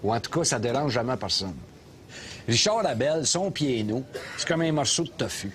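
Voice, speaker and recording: Man doing a mouthy Québécois taxi driver, middle-aged, sarcastic rants, mid-pitched voice, faint hum in the cab. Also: lively intonation, moderate pace, fairly bright tone, lightly acted. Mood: ranting. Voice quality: sarcastic ranting, mocking. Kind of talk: scripted comedy sketch. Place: inside a taxi.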